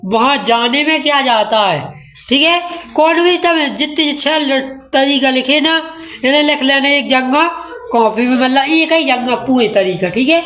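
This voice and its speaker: A woman teaches a classroom English lesson. She speaks slowly and patiently, repeating each rule and checking often that the class follows. Her voice sits high. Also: fairly bright tone, faint music behind. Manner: slow, repetitive teaching with frequent checks.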